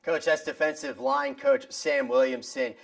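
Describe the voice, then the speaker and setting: A man's voice: fairly high pitch, sing-song, a little slow, vocal fry, a bit bright, soft background music. A man hosting a sports show, introducing segments in an upbeat way. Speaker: show host.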